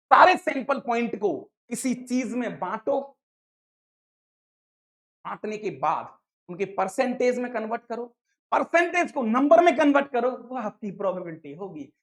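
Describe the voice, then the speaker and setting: Here a female maths tutor online makes probability fun for exam students, her voice on the high side. She addresses them as sir and dada throughout the energetic, playful session.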